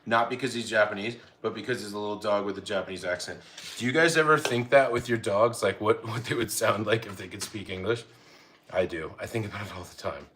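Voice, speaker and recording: A man's voice: fairly low pitch, brisk, fairly bright tone, slight background noise. A middle-aged man chatting casually on a home livestream, reading chat aloud and laughing easily. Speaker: livestream host. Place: home, feeding dogs.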